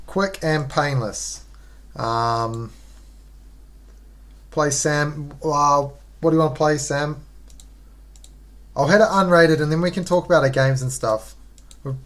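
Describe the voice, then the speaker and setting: A man's voice: a little high, measured pace, pauses often, fairly bright tone. Laid-back New Zealand man streaming chess. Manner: laid-back, slangy, chatting to viewers. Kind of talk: casual live game commentary.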